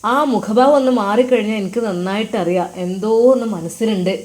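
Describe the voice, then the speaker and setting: A kindly old male religious teacher, put on by a woman storyteller, speaks. He coaxes his pupil with fond, gentle questions, at a middle pitch for a woman. The voice carries the homely tone of a spoken storybook tale. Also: brisk, close to an everyday voice. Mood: coaxing. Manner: coaxing, tender, questioning.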